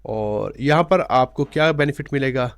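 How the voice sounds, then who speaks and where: A man hosting a casual screen-share explainer, talking steadily and mixing in English tech terms, pausing with "uh" fillers as he goes. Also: mid-range voice, smooth, no echo. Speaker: crypto channel host.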